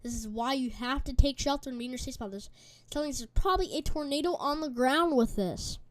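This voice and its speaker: A woman's voice: high-pitched, a little fast. A woman hosting a live weather stream, reading chat aloud between urgent storm warnings while eating. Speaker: livestream weather host. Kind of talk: live storm-tracking commentary.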